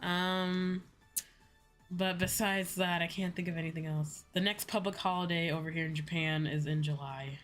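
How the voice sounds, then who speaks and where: A sleepy VTuber, who is also a school teacher, chats with her livestream viewers in a rambling way, dropping plenty of "like" and casual swearing. Her lowish voice keeps a fairly even intonation at a moderate pace, with music playing behind her.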